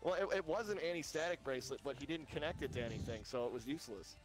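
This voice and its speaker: A man's voice: fairly high pitch, quick pace, over music, rough recording. A young man chatting casually with friends while streaming a racing game, rambling and laughing often. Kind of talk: casual chat while gaming.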